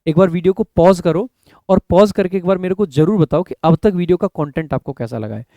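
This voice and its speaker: Male teacher, mellow dry voice. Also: no echo. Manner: explains in Hindi, reads English definitions slowly and louder; drops pitch and volume at the ends of phrases. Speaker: English teacher for exam prep. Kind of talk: Hindi-English online lesson.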